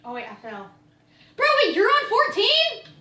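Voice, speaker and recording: A very high, bright child's voice chats through a video game with lots of excited swings. The kid is slangy and complaining, picked up from a distance in an echoey room. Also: a little slow. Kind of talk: excited casual gaming chat. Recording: echoey room, distant mic, faint noise.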